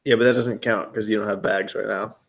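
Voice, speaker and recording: Low-voiced man hosting a casual hangout. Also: steady tone, brisk, vocal fry. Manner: dry teasing, laughs often. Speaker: live stream host.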